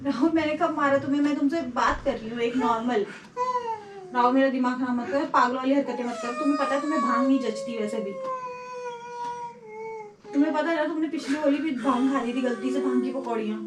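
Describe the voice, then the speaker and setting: Exasperated woman, high-pitched, casual domestic scolding and coaxing, recorded in an echoey room with heavy noise. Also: fast talker. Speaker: wife and mother. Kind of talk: casual home talk. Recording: distant mic, echoey room, loud background noise.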